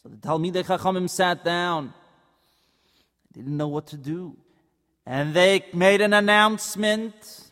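Male children's storyteller, high voice, expressive and dramatic, long reverb. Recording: long hall reverb, faint music.

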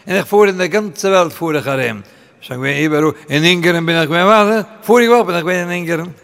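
An older rabbi spins anecdotes with a high, gravelly voice. He tells them with animation, chuckles often and slips into the voices of his characters. His voice carries the long reverb of an echoey hall. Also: brisk, fairly bright tone. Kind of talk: anecdotal storytelling.

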